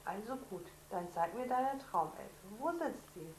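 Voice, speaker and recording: A woman's voice: mid-range voice, expressive, unhurried, slight background noise, natural voice. A woman voicing a sleepy, skeptical older sister who grumbles, read aloud in an echoey room. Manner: gruff, grumbling.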